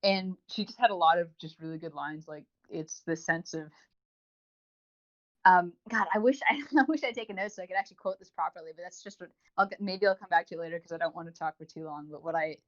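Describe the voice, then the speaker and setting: Speaking fast in a lowish voice, a female podcast co-host offers an enthusiastic, wandering review. Her tone is casual and chatty, and the audio is dull and lo-fi.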